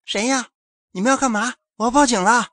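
A man's voice: fairly quick, breathy edge, dry recording, clean studio sound. A man voicing a terrified young mother. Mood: panicked. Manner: shrill, desperate shouting. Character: terrified young mother, woman in her thirties.

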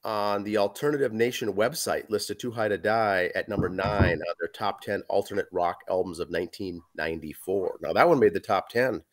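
Speaking at normal speed with few pauses and a voice on the low side, a hoarse man in his forties co-hosts a podcast review of an album. He reads facts and track lists from his notes with fillers in a casual chat, using a video call webcam in a small room at home.

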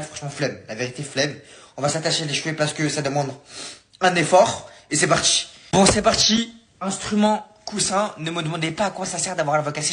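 A young man talks quickly and a little high, with a loose self-mocking exasperation, as he vlogs casually from home. His throat sounds dry. The home recording carries clear background noise. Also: fairly bright tone. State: dry vocal cords. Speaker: vlogger. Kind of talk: casual comic vlog. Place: at home indoors.

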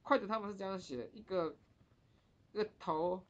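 A woman teaching a Japanese pronunciation lesson in Mandarin, repeating words slowly and drawing out their sounds. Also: mid-range voice, slight background noise. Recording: dull lo-fi recording.

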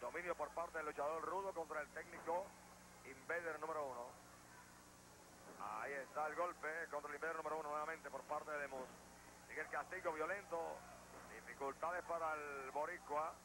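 A man's voice: a little high, fairly even intonation, normal speed. A man commentating as a lucha libre announcer, calling each move emphatically, on an old degraded TV tape. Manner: emphatic, running blow-by-blow calls. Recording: noisy, degraded 1980s TV tape.

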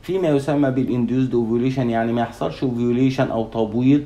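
Egyptian man lecturing fast, mellow voice. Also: mid-range voice. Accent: Egyptian Arabic. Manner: mixes English terms into Arabic, asks and answers own questions. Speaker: veterinary anatomy lecturer. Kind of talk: recorded lecture.

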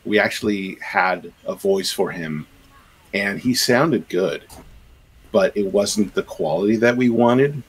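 A middle-aged game composer and sound designer chats on a video call for a casual podcast interview, full of fillers and restarts. His voice is lowish and slow, and the rough recording carries slight background noise.

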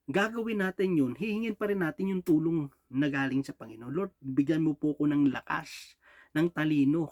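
A Filipino man delivers a casual sermon. He keeps checking in with the congregation with "no?" and "di ba?" and laughs lightly between points. His voice sits fairly high and the sound is close and dry. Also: darkish tone, dry recording. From Philippines. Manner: rhetorical "di ba?" and "no?" checks with the congregation, frequent chuckles. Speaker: preacher. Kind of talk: Taglish sermon.

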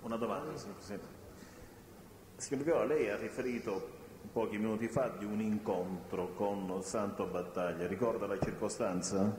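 A man's voice: lowish voice, steady tone, moderate pace. A man questioning a witness in court, formal and insistent. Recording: echoey courtroom with long reverb and faint noise.

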